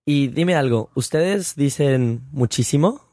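A man's voice: medium pitch, lively intonation, slow pace, mellow, dry recording, clean studio sound. A man with a Mexican accent from Mexico who co-hosts a casual lesson chat and patiently explains words with examples. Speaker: co-host explaining Mexican Spanish.

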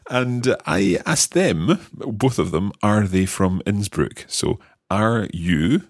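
A man's voice: on the low side, animated, slow pace, no echo, studio quality. A man from Scotland, co-hosting a language lesson as a learner and translating phrases step by step. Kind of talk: casual lesson talk.

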